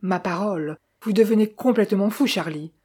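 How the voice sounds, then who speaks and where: A woman's voice: medium pitch, normal speed, dark tone, husky, lightly acted. A woman reading the part of an idle, impulsive young male heir who exclaims in agitation. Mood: exasperated.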